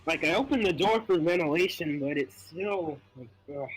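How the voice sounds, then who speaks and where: A man's voice: fairly high pitch, normal speed, poor audio. A young man with allergies chatting casually on a gaming stream, rambling and laughing often. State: stuffy from allergies. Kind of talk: casual chat while gaming.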